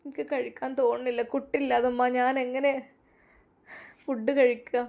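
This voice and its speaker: A woman voicing a weeping young mother from Malappuram who speaks softly through tears. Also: sits high, level tone, normal speed, gravelly. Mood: tearful. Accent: Malappuram Malayalam. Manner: soft and tearful.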